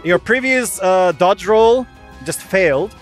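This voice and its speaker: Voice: medium pitch, lively intonation, takes it slowly, faint music behind. A game master running a tabletop game on a live stream, chatty and often breaking into laughter.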